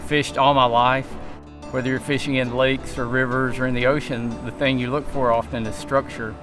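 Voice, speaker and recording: A man's voice: mid-range voice, level tone, normal speed. Man over music. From Arkansas, United States. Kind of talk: documentary interview.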